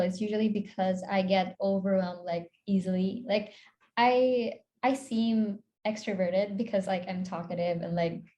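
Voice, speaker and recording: A woman's voice: mid-range voice, darkish tone, a little hiss or hum. A young woman from the Philippines in her twenties, a content creator chatting casually and giggling as a podcast guest, with a rambling, filler-heavy way of talking.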